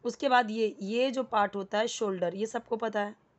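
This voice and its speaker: A woman with a fairly high voice gives a relaxed, patient lesson. She repeats key words and keeps checking in with her listener. The audio is dull and lo-fi. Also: moderate pace. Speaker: English teacher. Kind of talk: casual Hindi explanatory lesson.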